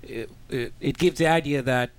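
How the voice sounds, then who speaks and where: A man's voice: mid-range voice, normal speed. Easygoing man from Jamaica. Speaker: panelist. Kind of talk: casual discussion.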